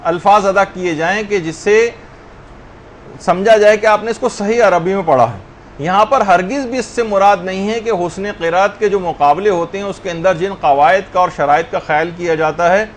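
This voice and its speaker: High-voiced man teaching a religious lesson. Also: a little hiss or hum. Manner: explanatory, drawn-out demonstrations of Arabic letters.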